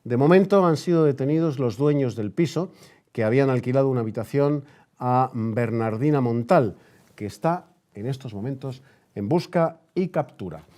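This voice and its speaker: A radio host with an accent from Spain reads a period news bulletin like a presenter, then moves into a studio interview. His voice is warm and medium-pitched, at a normal speed.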